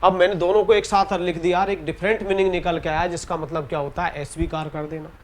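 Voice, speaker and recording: A man with an Indian English accent teaching an exam-prep grammar lesson in Hindi. He reads the English example sentences slowly and deliberately and often repeats key words. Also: high voice, steady tone. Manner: repeats key words and ends points with "theek hai".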